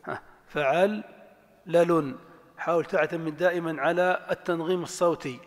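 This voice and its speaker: A man teaching a grammar class, slowly drawing out word patterns and asking and answering his own questions. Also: a little high, in a large hall. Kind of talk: classroom lecture explaining grammar.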